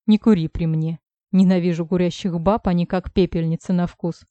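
A woman voicing a cool, controlling young man who speaks low, calm and unhurried, in a dry, slightly dull recording. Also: dry recording, close to an everyday voice.

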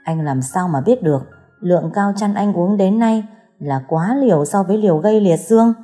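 A woman's voice: medium pitch, moderate pace, dark tone, soft background music, lightly acted. A woman voicing a scheming young woman who mocks and taunts her husband. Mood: taunting. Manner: mocking, cutting.

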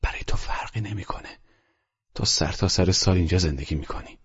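A man's voice: deep voice, husky, highs cut off, exaggerated voice. A man voicing a fretful, resentful young housemaid in an audiobook, complaining and agitated. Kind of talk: audiobook character reading.

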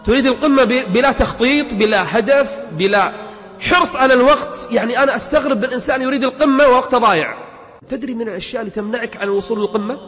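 A man delivers an emphatic motivational sermon, firing off rhetorical questions and repeating himself for force. His voice is extremely high, racing and a bit bright, with long hall reverb and background music.

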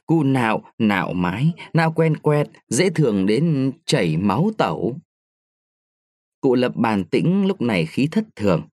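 A man reading a short story aloud in an expressive storytelling manner. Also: mid-range voice, a little slow, no room sound, studio quality. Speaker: story reader.

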